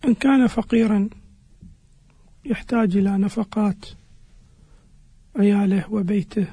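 A man explaining religious rulings as a scholar on a radio program, in a measured, halting way with pauses. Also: high voice, warm tone, slightly rough, no room sound. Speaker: Islamic scholar answering listeners' questions.

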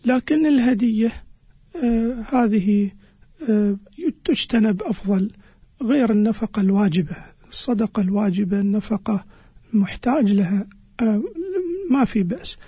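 A man explaining religious rulings as a scholar on a radio program, in a measured, halting way with pauses. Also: high-pitched, mellow, slightly rough, no echo. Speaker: Islamic scholar answering listeners' questions.

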